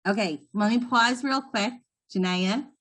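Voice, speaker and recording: A woman's voice: mid-range voice, a little slow, a bit bright. Woman trainer explaining step by step. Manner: patient, encouraging, explains step by step. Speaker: trainer leading a training session. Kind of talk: instructional talk to trainees.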